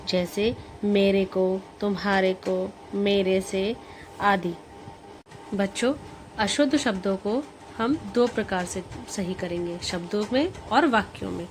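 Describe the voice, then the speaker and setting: A woman's voice: mid-range voice, a little hiss or hum, rough recording. A woman reading a scripted grammar lesson, saying each word carefully and repeating it. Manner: slow, even, careful pronunciation drills.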